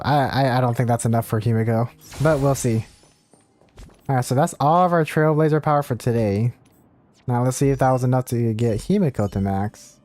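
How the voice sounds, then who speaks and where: Chatting easily with viewers, a livestreamer with a medium-pitched, somewhat dark voice comments on a game and apologizes in a relaxed manner. Video game music runs underneath.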